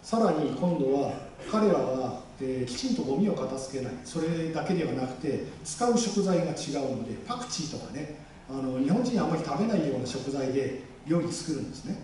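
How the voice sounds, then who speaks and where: Animated man speaking in an echoey hall. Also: fairly high pitch, brisk, a little hiss or hum. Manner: animated, jokey, acts out quoted voices. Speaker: guest speaker at a campaign rally. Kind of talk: public speech to a live audience. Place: large public hall. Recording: echoey hall, mic far off.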